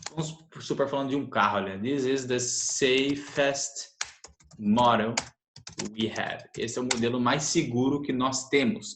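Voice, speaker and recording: A man teaching an English grammar lesson, explaining patiently and repeating the key points. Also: medium pitch. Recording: echoey room, faint noise.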